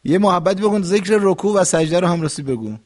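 A man's voice: high voice, a little mellow. A man hosting a radio call-in show, patiently correcting callers' recitation and demonstrating pronunciation. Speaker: radio host and recitation teacher. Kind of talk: instructive radio call-in talk. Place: radio studio.

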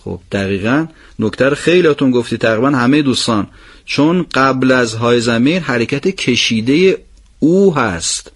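Guy teaching recitation, explains the rules, asks questions and answers them himself, reads the phrases really slow. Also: medium pitch, lively intonation. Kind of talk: recorded recitation lesson.

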